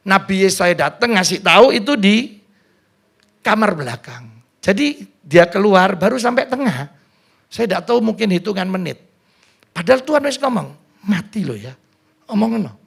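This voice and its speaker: A man preaches with an East Javanese accent at a church service. His voice sits high and carries a rough, creaky grit. He is animated and folksy, and he slips into a hushed tone to act out prayers. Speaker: pastor. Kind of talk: sermon.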